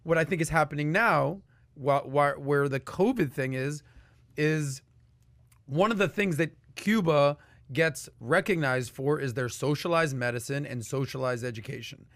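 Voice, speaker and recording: A man from Miami co-hosting a podcast, talking in an animated, talkative way. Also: on the high side, normal speed, no room sound. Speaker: podcast co-host. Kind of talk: casual podcast talk.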